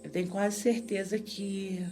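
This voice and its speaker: A woman's voice: medium pitch, level tone, unhurried, warm tone. A woman, a guest on a radio interview, telling a personal story at length and acting out what people said. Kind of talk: personal testimony in conversation.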